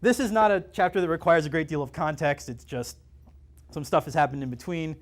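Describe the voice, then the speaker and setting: A man reads from the novel he authored at a live comic and game shop event, bringing vivid drama to the narration. His voice leans high and he moves along fairly quickly.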